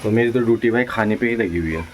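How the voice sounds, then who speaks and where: A man's voice: lowish voice, quick pace, a little hiss or hum. A man with a Kumaoni-tinged Hindi accent chatting casually and laughing as he vlogs to viewers from his family home on a phone camera, over a background music track. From Uttarakhand, India. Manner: chatty, laughing, addresses viewers as guys and friends. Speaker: vlogger. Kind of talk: casual vlog chat.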